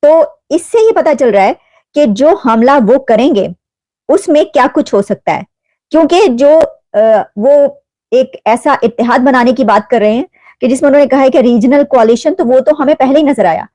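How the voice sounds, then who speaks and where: A woman's voice: high-pitched, warm tone, no echo. Woman giving news commentary. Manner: conversational, rhetorical questions, mixes in English phrases.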